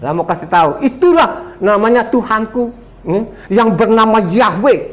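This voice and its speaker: His voice sits high and expressive at a moderate pace as this man from Sumba, Indonesia, in his seventies, preaches to a congregation. The sermon is combative and boastful, with frequent laughter and quizzing of the listeners.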